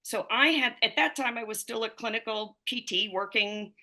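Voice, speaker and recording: An American woman in her fifties, a running coach and physical therapist, tells her story as a guest on a conversational podcast interview. She rambles loosely with lots of fillers. Her voice is on the high side and sharp in tone, at a normal speed.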